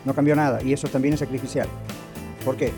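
A man's voice: medium pitch, fairly even intonation, quick pace, over music. A man preaching a sermon as pastor, emphatic, often stopping to ask the congregation questions.

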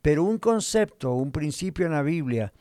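A man's voice: on the high side, animated, moderate pace, mellow, dry recording, clean studio sound. A man pastor giving a teaching sermon, talking straight to the listener, leaning on repetition and homely everyday examples. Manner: earnest, repetitive, addresses listener directly.

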